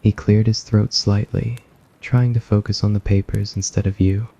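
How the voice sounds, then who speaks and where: Speaking in a deep, fry-laden rasp, this man narrates an ASMR tale in a soft, scripted, husky way. His pace is moderate and his pitch barely shifts, while the audio comes across a bit muffled and lo-fi.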